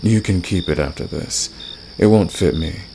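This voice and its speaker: In an ASMR romance roleplay, a man plays a fantasy villain who is confident, flirtatious, and secretly protective. His very deep, gravelly voice is intimate, teasing, smug, and seductive at a normal speed, with clear background noise of crickets at night.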